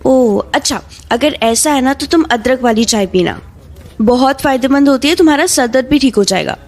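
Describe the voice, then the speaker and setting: An actress playing a touchy young woman who teases and quickly takes offense in an audio drama. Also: high voice. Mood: caring. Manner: teasing, quick to take offense. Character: young woman Shreya, touchy and sharp-tongued. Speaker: actor. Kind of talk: Hindi audio drama acting.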